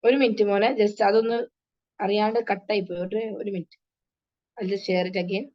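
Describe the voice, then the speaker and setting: A woman's voice: medium pitch, fairly even intonation, normal speed, lo-fi sound. A woman tajweed teacher giving an online class to children, patiently sounding out syllables one at a time.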